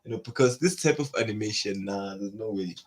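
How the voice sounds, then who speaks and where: Excitable young man reacting in slang. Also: lowish voice, fairly quick, faint music behind. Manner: excitable, slangy, repeats "nah" in bursts. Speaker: anime reaction host. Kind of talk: casual reaction commentary.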